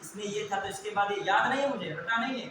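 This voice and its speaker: A man's voice: high-pitched, fast. A young adult male teacher giving a classroom lecture, quizzing students and answering his own questions. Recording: very echoey room, distant mic, clear hiss.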